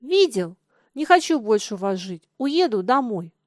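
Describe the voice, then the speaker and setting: A woman's voice: on the high side, big pitch swings, moderate pace, darkish tone, no room sound, studio quality. Brief: a woman playing a proud stubborn village boy, plain-spoken and curt. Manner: blunt, scornful, plain-spoken. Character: proud peasant boy Misha, stubborn and blunt.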